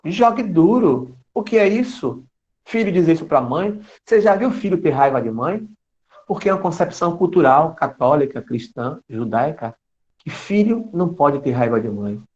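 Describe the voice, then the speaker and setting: Expressive male spiritist lecturer. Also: on the high side, normal speed. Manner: storytelling, expressive, with dramatic voice shifts. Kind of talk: online doctrinal lecture. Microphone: computer mic on a video call. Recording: dull lo-fi online call audio.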